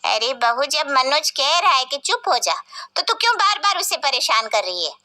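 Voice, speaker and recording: A woman's voice: high voice, big pitch swings, moderate pace, pushed and bright, voice pushed up, heavily acted. A woman voicing a meddling middle-aged neighbor woman who lectures in a preachy, nosy way.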